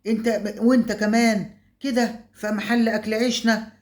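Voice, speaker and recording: A woman voicing a furious, betrayed middle-aged wife in an Egyptian accent, scolding in a shrill outburst. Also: little pitch movement, very fast, lightly acted. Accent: Egyptian Arabic.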